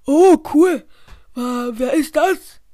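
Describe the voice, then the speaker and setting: A woman playing a goofy, dim-witted and excitable schoolboy in a homemade story. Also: sits high, slow, no room sound, clean studio sound. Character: dim-witted cheerful boy pupil.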